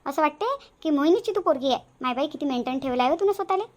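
A woman's voice: high voice, expressive, very fast, a little mellow. Woman doing a gossipy older village neighbour. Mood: chatty. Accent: Varhadi Marathi. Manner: gossipy and chatty.

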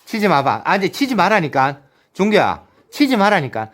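High, lively man cheering players on. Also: normal speed. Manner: encouraging, repeating short instructions, frequent laughter and exclamations. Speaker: activity instructor. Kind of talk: live coaching and cheering during a video game.

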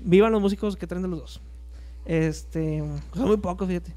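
A man with a Mexican accent hosting a casual podcast, asking quick, joking questions in slang. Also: high voice, warm tone, faint music behind. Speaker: podcast host.

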